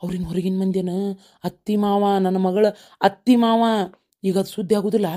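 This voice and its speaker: A woman's voice: mid-range voice, fairly even intonation, normal speed, mellow, lightly acted. A woman voicing a complaining, henpecked middle-aged village husband in a cartoon, with a North Karnataka Kannada accent. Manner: complaining, whiny grumbling. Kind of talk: cartoon comedy voice acting.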